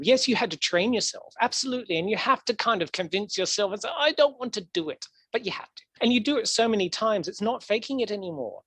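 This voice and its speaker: A man talking as a podcast guest in casual interview chat, animated and laughing often, his voice swooping up for emphasis. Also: a little high, husky, no echo. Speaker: podcast guest, historical archivist.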